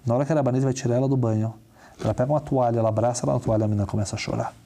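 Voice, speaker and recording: A man tells a religious story at a brisk clip, emphatic and fond of repetition. His voice sits dark and mellow, and the words keep tumbling out quickly. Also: mid-range voice, fairly even intonation. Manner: emphatic, repeats words for effect. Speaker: religious teacher.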